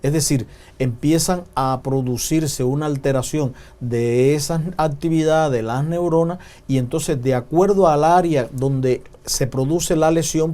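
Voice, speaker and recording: A man, a doctor appearing as a TV talk show guest, explaining medical topics in a calm, measured way. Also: a little high. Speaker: physician guest.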